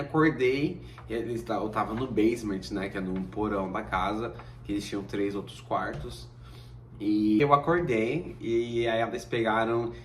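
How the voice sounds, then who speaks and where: A Brazilian man in his thirties tells a personal story in a lively way and acts out each line of dialogue. His voice sits at an ordinary pitch for a man. He sounds set back from the microphone in an echoey room with faint noise behind him. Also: distant mic. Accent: Brazilian Portuguese. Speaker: vlogger. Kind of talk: casual storytelling. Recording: roomy echo, away from mic, faint noise.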